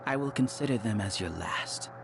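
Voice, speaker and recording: An actor playing an arrogant villain researcher who leads a hive mind, giving grandiose, condescending monologues in a video game. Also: male voice, on the low side, animated, moderate pace, gravelly, noisy background.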